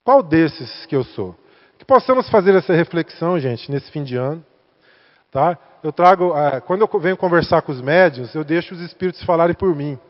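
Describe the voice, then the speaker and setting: A man's voice: a little high, fairly quick. A man with a Brazilian Portuguese accent gives a spiritist talk to center workers, chatting and asking the audience questions. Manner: conversational, asks the audience questions. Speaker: guest speaker. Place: spiritist center meeting hall. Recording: echoey hall, dull lo-fi sound.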